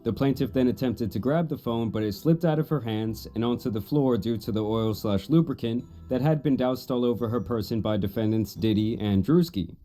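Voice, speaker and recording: A man reading a scripted commentary narration in a steady, matter-of-fact storytelling manner. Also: medium pitch.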